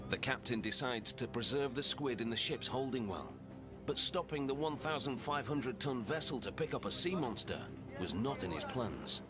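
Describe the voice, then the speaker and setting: A man narrating a nature documentary in a dramatic, suspenseful, measured and emphatic way. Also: medium pitch, lively intonation. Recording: loud music under the voice. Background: dramatic music.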